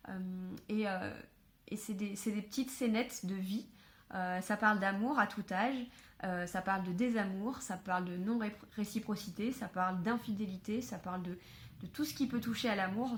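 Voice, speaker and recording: A woman chatting casually to camera at home about books she was given, filling pauses with hesitations. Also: mid-range voice. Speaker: book vlogger. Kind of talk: casual book haul chat.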